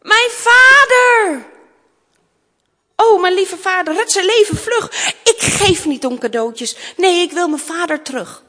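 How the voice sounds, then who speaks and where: A woman's voice: high voice, expressive, moderate pace, few pauses. A woman voicing a spoiled, demanding young princess in a storybook reading, whiny and insistent. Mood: frightened. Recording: long hall reverb.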